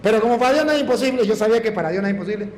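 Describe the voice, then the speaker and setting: A middle-aged man, a priest telling a story in an animated, emphatic sermon. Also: sits high, racing. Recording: echoey hall, faint noise.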